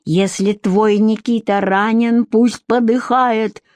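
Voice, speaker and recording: A jealous adult husband full of contempt, mocking and snapping in anger, as a woman reader puts him on. The delivery is unhurried, and the sound is dry and close, with no room around it. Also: high voice, steady tone, a little mellow, no room sound, voice pushed up. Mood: scornful.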